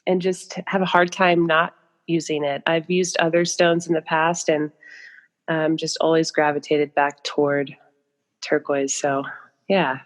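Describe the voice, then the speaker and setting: A young adult American woman from the United States, guesting on a podcast, tells stories casually in loose, informal phrases packed with asides. Her voice is low and level, and she speaks unhurriedly in a large hall.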